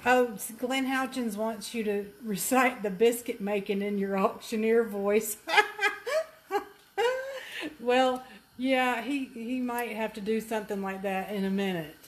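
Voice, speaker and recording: An older woman with a Southern US accent and a fairly high, fairly even, unhurried voice banters and teases while filming a home cooking session in a kitchen on a handheld camera. She's a cooking show co-host, keeping the chat casual.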